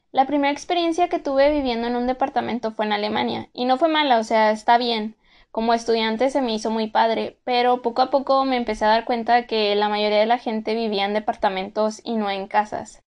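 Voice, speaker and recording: In a brisk, steady, fairly high voice, a woman in her twenties with a Monterrey Mexican accent relaxedly shares a first-person account of being an exchange student. Her talk is conversational and full of "pues" and "o sea."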